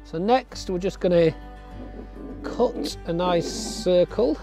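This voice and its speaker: Over music, a middle-aged man from England with a high, slow voice guides listeners through an outdoor cooking tutorial. A family nature educator recorded in woodland, he's friendly and takes it step by step.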